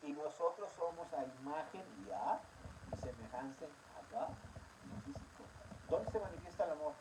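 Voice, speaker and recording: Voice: mid-range voice, moderate pace. A Bible teacher giving a religious teaching in an emphatic way, repeating key words and asking the listeners rhetorical questions. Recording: steady background noise.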